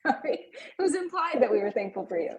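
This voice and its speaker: A woman's voice: high-pitched, sing-song, fast talker, over a noisy crowd, rough recording. A woman co-hosting a podcast in casual chat, upbeat and playful, who wraps up the show. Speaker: podcast co-host.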